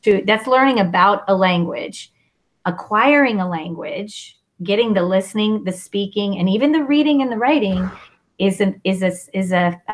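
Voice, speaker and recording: A woman hosting a panel discussion, giving shout-outs and thinking aloud with many fillers. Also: medium pitch. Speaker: panel host. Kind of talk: moderating a panel.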